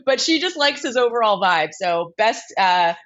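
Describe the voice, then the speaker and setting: Woman co-host with a head cold, lively up-and-down delivery, dull lo-fi recording, gushing enthusiasm. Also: mid-range voice, normal speed. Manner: excitable, gushing, says "freaking" a lot. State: has a cold. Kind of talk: casual podcast chat. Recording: dull lo-fi sound.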